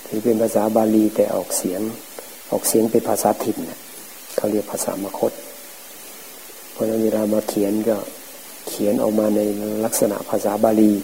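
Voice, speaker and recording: A middle-aged man, a Buddhist forest monk, giving a calm, plain-spoken dharma talk. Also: on the low side, normal speed, long pauses. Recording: hissy, noisy old recording.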